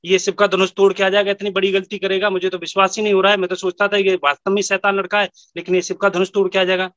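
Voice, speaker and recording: A man's voice: high voice, completely flat delivery, quick pace, a bit bright, no room sound, highs cut off. A man voicing a grumpy male schoolteacher who scolds and pleads. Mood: pleading. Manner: scolding, exasperated.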